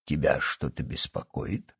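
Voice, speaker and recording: A man's voice: a bass voice, steady tone, unhurried, gravelly, fairly bright tone, husky, no room sound, studio quality, full character voice. A man voicing a scheming old doctor who is secretly a villainous professor, speaking in a condescending, sly way in an audiobook. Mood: cold. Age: over 60. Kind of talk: audiobook character acting.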